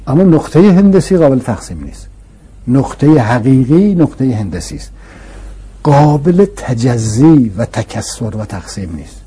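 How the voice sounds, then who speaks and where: A man's voice: mid-range voice, very animated, dark tone, husky. A man explaining philosophical ideas to an interviewer in a patient, emphatic way, with rhetorical questions and repetition. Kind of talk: explanatory conversational lecture.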